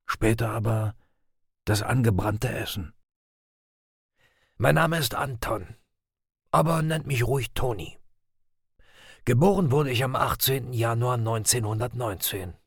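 A man narrating audiobook passages in a measured, grave storytelling voice. His tone carries a gravelly edge and a husky grain. It is recorded dry and close, with no room sound. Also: mid-range voice, no room sound. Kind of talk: scripted narration of audiobook excerpts.

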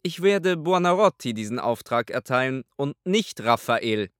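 A man voicing an irritable, imperious old pope in an audiobook, speaking pompously and forcefully. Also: medium pitch, expressive, measured pace, clean tone, dry recording, studio quality, voice pushed up. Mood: gruff. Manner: pompous, raised and forceful delivery. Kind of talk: audiobook character voice.

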